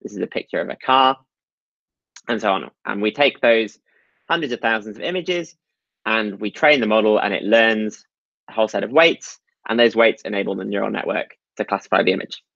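A man's voice: on the low side, brisk, creaky, a bit bright, no echo, highs cut off. A man giving a technical talk over slides at an online meetup, explaining step by step with frequent ums and uhs. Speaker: meetup presenter.

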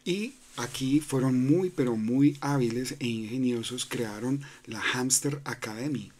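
Unhurried and a bit mellow, this medium-pitched male voice comes with slight background noise. He runs a crypto channel and chats casually over a screen recording, restarting often, leaning on fillers, and tossing in "¿no?" as a tag question.

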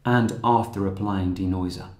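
A man narrating a scripted software tutorial in a calm, steady, explanatory way. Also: deep voice, normal speed, echoey room.

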